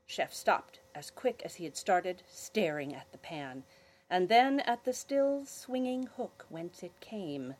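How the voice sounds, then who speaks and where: A woman hosting a family podcast, narrating a children's adventure story with expressive storytelling. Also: lowish voice, slow pace, rough recording.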